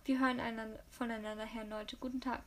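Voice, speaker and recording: A woman's voice: a little high, level tone, fast talker, fairly bright tone. A woman doing Bernadette, an elderly urgent widow. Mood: composed.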